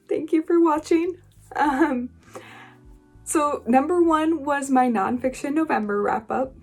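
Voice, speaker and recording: A woman with a high voice and a darkish tone hosts a book vlog, reviewing books in a casual, chatty monologue. She drops in informal, emphatic asides as she talks.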